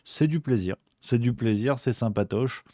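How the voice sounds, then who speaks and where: A man's voice: mid-range voice, normal speed, mellow, dry recording, studio quality. A man hosting a show, chatting loosely about the news with lots of fillers and restarts. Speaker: host. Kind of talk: casual news commentary.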